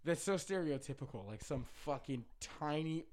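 A man's voice: a little high, lively intonation, moderate pace, darkish tone. Joking man with faint background noise. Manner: crude, joking banter. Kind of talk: casual podcast banter.

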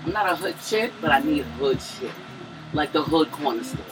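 A woman's voice: low-pitched, lively intonation, normal speed, background noise. A woman with a New York City accent hosting a casual chat, brash, slangy and full of swearing. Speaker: host. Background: music.

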